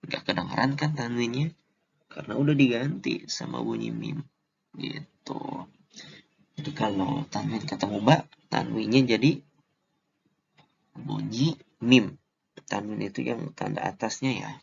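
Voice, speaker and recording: A man teaching Quran recitation rules in a casual lesson, slow and deliberate, drawing out the recited examples. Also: fairly low pitch, big pitch swings, gravelly, highs cut off, a little hiss or hum.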